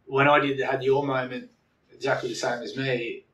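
A man's voice: medium pitch, flat delivery, normal speed, fairly bright tone. A man hosting a casual podcast interview, chiming in with matey agreement and crude banter. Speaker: podcast host. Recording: roomy, distant, with faint background noise.

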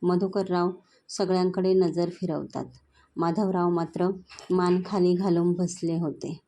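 A woman narrating a family story in a steady, plain reading voice. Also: fairly low pitch.

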